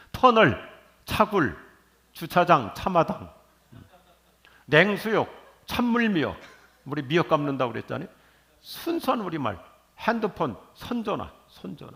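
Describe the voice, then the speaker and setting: An older man preaching a sermon in a church, lively and jokey with sudden loud bursts. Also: fairly high pitch, a little slow, vocal fry, long pauses. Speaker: pastor. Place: church sanctuary.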